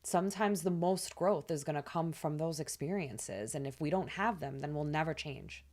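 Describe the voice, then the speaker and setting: A woman hosting a spiritual astrology channel, talking in a soft, soothing way with casual fillers. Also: sits low, expressive, moderate pace. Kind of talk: gentle spiritual talk to camera.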